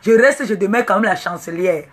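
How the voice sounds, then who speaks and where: A woman giving a comic rant as a self-styled chancellor, in a rambling, excitable way. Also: mid-range voice, fairly quick, slightly rough.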